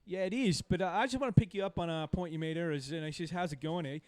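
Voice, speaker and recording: A man's voice: high voice, expressive, fast talker, a little mellow. A man co-commentating a live match, rambling with lots of filler and friendly banter. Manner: rambling, many fillers, cheerful banter with co-host.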